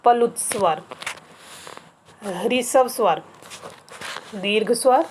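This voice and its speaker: A woman with a slightly high voice teaching children a grammar lesson at a slow, careful pace. She repeats each item patiently, one by one. Faint noise hums behind her voice. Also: a little mellow. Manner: patient, spells things out slowly with repetition.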